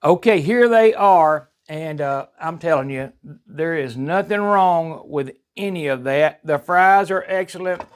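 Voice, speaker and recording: High-voiced Southern US man, folksy and chatty. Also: unhurried, clear, resonant tone. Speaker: home cooking vlog host. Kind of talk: casual cooking demonstration.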